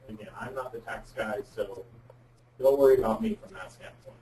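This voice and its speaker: A man with a mellow, medium-pitched voice speaks at normal speed. As a guest speaker from insurance, he offers candid, plain-spoken explanations on a web conference call, captured by a distant mic in a roomy space with faint noise.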